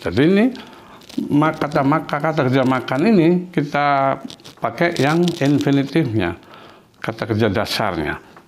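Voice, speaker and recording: A man teaching a language lesson, patiently explaining and repeating words and verb forms slowly. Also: medium pitch, animated, a little hiss or hum.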